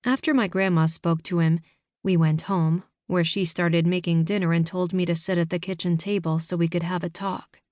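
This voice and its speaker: A woman reading first-person scripted narration for an audiobook in a measured storytelling manner, in a studio. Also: fairly low pitch, steady tone, a little mellow, dry recording.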